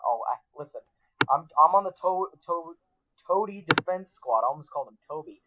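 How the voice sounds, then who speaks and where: A man's voice: fairly high pitch, animated, fairly quick, lo-fi sound, background noise. A man co-hosting a podcast, chatting about a cartoon in an enthusiastic, rambling way with many fillers. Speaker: podcast co-host. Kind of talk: casual chat.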